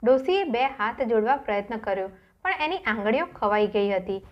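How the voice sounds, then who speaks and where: A woman narrating a storybook in a dramatic, measured reading style. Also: a little high, lively intonation, lo-fi sound.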